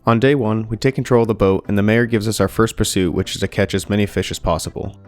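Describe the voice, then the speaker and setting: A young gaming YouTuber reads a scripted video game review at his home mic, speaking fast in a low voice. His delivery is steady and dry with the occasional light joke, over soft background music.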